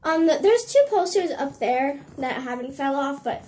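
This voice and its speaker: A woman's voice: sits high, animated, normal speed, darkish tone. A teenage girl chatting casually in a vlog, slipping into baby talk with her puppy. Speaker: vlogger.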